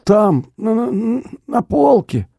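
A man's voice: medium pitch, big pitch swings, a little slow, mellow, no room sound, clean studio sound. A man voicing a prim, flustered retired secret-service officer in his old age who ends up pleading. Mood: dying gasps. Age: older. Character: old retired male spy officer, prim then frightened.

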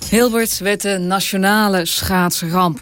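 A woman calmly narrating a scripted radio feature. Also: medium pitch, slow pace, no room sound, clean studio sound, soft background music. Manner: calm storytelling.

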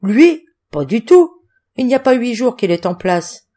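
A woman's voice: fairly high pitch, brisk, pitched above the performer's own voice, natural voice. Woman putting on a whining hungover roadman. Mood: grumbling, complaining. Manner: whining, complaining, loud. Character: hungover grumbling middle-aged male roadman.

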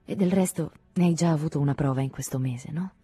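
A woman's voice: deep voice, fast talker, dark tone, breathy edge, no echo, soft background music, exaggerated voice. A woman voicing an anxious, clinging woman who talks to her lover in an earnest, pleading way in an audiobook reading.

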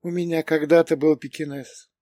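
A frail, lonely old woman from an audiobook, her voice a faint rustling whisper that trembles with tenderness, as a male narrator puts her on. She sits noticeably higher than a man's natural tone, recorded close and dry. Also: flat delivery, normal speed, dark tone, no echo, natural voice. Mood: tender. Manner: wistful, trembling.

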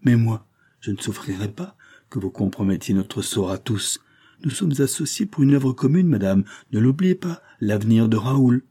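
A man reading the lines of a cold, scheming aristocrat who threatens in a smooth, controlled way. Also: mid-range voice, lively intonation, normal speed, mellow. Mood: menacing.

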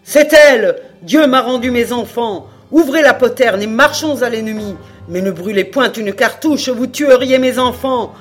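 A woman voicing an old, towering Scottish army commander who booms his orders with fierce fatherly feeling. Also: measured pace, soft background music, lightly acted. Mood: frantic. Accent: Scottish, put on. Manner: booming commands.

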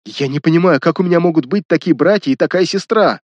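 A man's voice: a little high, fast, dry recording, dull audio, voice pushed up, lightly acted. A man voicing a young woman who defies her cruel brothers, indignant and pleading by turns. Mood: furious.

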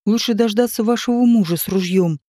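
A woman's voice: medium pitch, a little fast, mellow, no echo, clean studio sound, lightly acted. A woman voicing a jumpy, blustering man from the militia who barks orders, in an audiobook. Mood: gruff. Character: jumpy, aggressive young male militiaman.

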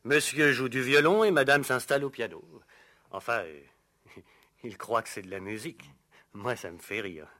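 An actor in an old French radio show playing a resentful, gossipy household servant who is hesitant, evasive and insinuating under questioning. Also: male voice, medium pitch, normal speed, bright, forceful tone, close to an everyday voice. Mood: sly, mocking.

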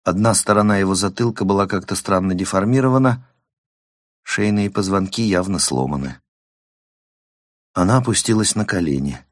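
Guy reading a thriller audiobook, really low voice, steady, dry close mic. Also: moderate pace, pauses often, no echo. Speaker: audiobook narrator. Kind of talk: scripted audiobook narration.

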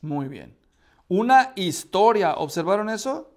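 A man's voice: high voice, big pitch swings, unhurried, darkish tone. A man teaching a church history class, asking his students questions and checking in with them often. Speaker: Bible teacher.

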